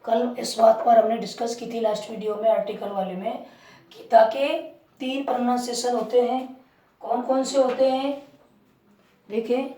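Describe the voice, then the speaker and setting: A woman teaching English grammar in a classroom-style lesson, with an Indian English accent, dictating phrases slowly and quizzing with rhetorical questions. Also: on the high side, fairly even intonation, mellow, distant mic. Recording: echoey room, voice from off the mic.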